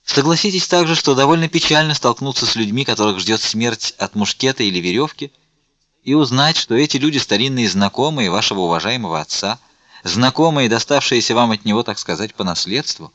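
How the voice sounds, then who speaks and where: A man reading a shrewd, witty musketeer bishop in an audiobook, wry and measured. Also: medium pitch, expressive, pushed and bright, no echo.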